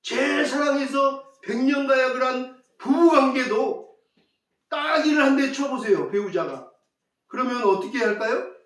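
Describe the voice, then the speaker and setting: A man's voice: very high voice, measured pace, fairly bright tone. A male pastor preaching a sermon, putting rhetorical questions to the congregation and repeating key phrases for emphasis. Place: church. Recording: echoey church hall, mic at a distance.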